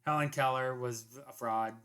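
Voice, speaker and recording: A man's voice: mid-range voice, steady tone, normal speed, fairly bright tone. A man hosting a commentary show, talking casually and rambling, with many restarts and fillers. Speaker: commentary host.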